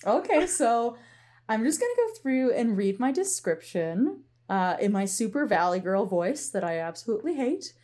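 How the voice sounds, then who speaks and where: Giggly woman with a lively, swooping voice. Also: on the high side, moderate pace. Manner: chatty, giggly, lots of "like". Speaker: podcast co-host. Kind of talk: casual podcast chat.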